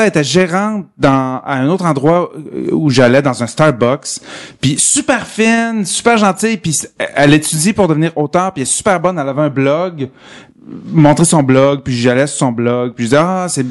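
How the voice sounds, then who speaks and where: A man's voice: fairly high pitch, lively intonation, normal speed. A man with a Québécois accent chatting casually on a podcast, trading dry quips and telling stories. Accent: Québécois French. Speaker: podcast host. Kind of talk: casual chat.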